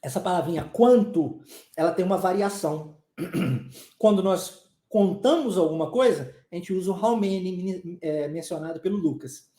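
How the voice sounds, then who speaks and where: A Southeastern Brazilian man gives a casual explanation of English pronunciation during a live online class, chatting freely, often asking "tá?" and coughing occasionally. His high-sitting voice has a dark tone and moves at a moderate pace, with a roomy sound around it.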